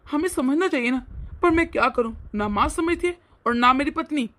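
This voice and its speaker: A woman's voice: high-pitched, brisk, a bit bright. A woman voicing an earnest young husband who patiently reasons and sounds exasperated in a cartoon story. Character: earnest young husband, loyal to his family.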